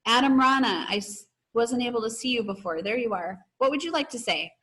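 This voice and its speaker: Through a video call, a woman teacher with an encouraging manner reads aloud and leads discussion in her online class. Her voice is on the high side, brisk and a bit bright.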